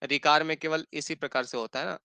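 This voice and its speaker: Bright, crisp male teacher explaining patiently. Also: on the high side, steady tone, no room sound. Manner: explains patiently, repeats sutras slowly, often asks "ठीक है?". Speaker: Sanskrit teacher. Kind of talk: online class lesson.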